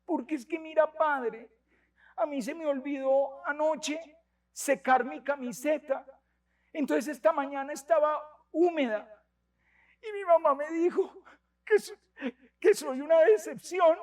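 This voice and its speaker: A man's voice: very high voice, unhurried, darkish tone, recorded from a distance, pitched above the performer's own voice. A man doing a tearful little schoolboy. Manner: pleading, repeats words. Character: sad tearful young schoolboy, about ten.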